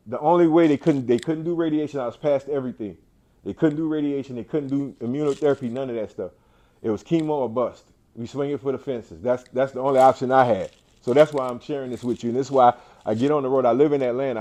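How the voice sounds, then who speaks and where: A man with a warm, mellow voice at a middling pitch gives an inspirational talk to a room. He repeats his phrases and restarts often, and his faith-driven delivery sounds like a preacher's. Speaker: cancer survivor speaking to an audience. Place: indoor venue with an audience.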